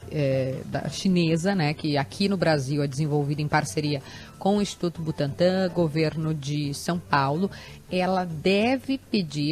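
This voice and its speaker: Radio co-host lady, talks loud, kinda low voice, explains stuff step by step. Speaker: radio show host and news commentator. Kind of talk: radio news commentary. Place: radio studio.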